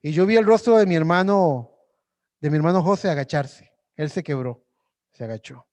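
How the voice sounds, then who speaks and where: A male pastor preaching a sermon, swinging from loud exhortation to hushed prayer. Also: a little high, moderate pace, in a large hall. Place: church sanctuary.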